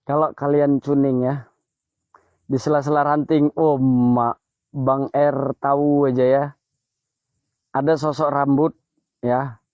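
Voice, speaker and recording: A man's voice: medium pitch, level tone, slow pace, pauses often, no room sound. A young man on a night ghost-hunting vlog outdoors among trees, murmuring tense exclamations and prayers. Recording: dull lo-fi audio.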